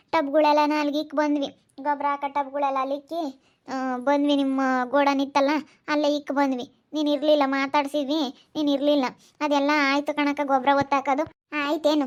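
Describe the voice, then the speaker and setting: A woman acting as a village aunt handing out moral lessons in a homemade village drama. Her voice is high and stays flat, and she lectures in a steady, preachy way. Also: muffled recording, lightly acted. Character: older village aunt who gives moral advice.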